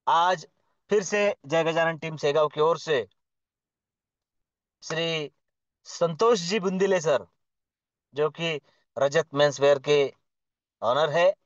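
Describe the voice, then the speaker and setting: At an online business community meeting, a man with a fairly high voice gives a formal, effusive motivational address, piling on praise and posing rhetorical questions. The audio is dull and lo-fi, and dry with no room echo.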